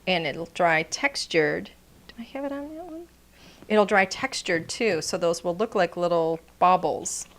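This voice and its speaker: A woman's voice: fairly low pitch, expressive, a little slow. A woman teaching card-making in a casual, chatty demonstration, gushing over her work and often dropping to a murmur as she works.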